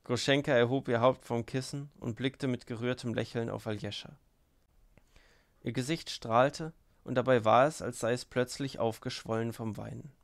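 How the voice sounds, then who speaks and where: A male narrator reads a classic novel in a measured, steady way. His voice has a gravelly edge, at a middling pitch for a man. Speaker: audiobook narrator. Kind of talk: scripted literary narration.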